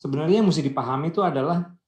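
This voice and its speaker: A man's voice: a little high, rapid-fire, a little mellow, reverberant. A man speaking as a guest on a radio-industry video call, chatty and explaining through anecdotes and rhetorical questions. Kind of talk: casual conversational discussion.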